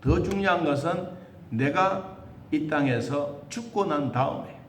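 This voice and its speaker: A pastor preaches in a church sanctuary, his slightly slow voice echoing through the hall over faint background noise. He is animated, asking rhetorical questions, jumping suddenly high in pitch, and acting out the voices he quotes.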